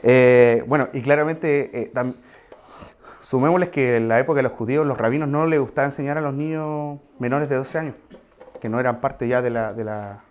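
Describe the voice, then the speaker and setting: A man delivers a sermon in an easy, conversational tone. He talks to the congregation directly, with asides and quick questions, at a middle pitch. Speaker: preacher.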